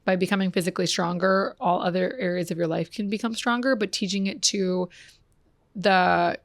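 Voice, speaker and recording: Brief: talkative woman fitness coach, mid-pitched, energetic and rambling, close dry podcast sound. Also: no room sound. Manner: energetic, wordy, fast storytelling with lots of fillers. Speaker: fitness gym owner, guest. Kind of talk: casual conversational interview.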